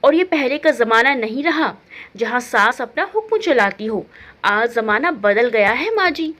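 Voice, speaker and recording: A woman voicing a young daughter-in-law who retorts indignantly and is quick to take offence. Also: on the high side, lively intonation, a bit bright.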